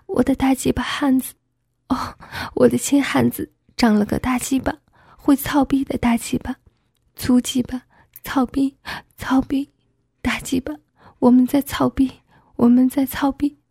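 A woman voicing an eager, wanton wife in a breathy, urgent whispered role-play. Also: high voice, mellow, no echo, studio quality, heavily acted.

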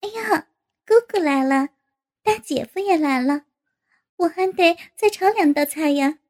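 A woman's voice: very high voice, measured pace, darkish tone. A woman doing a chirpy young housewife. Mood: cheerful.

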